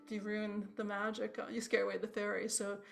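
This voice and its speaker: A woman's voice: medium pitch, monotone, a little fast, vocal fry, soft background music. A woman teaching a harp workshop over a video call, chatty and conversational, quizzing her class with little tag questions as she goes. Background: harp playing.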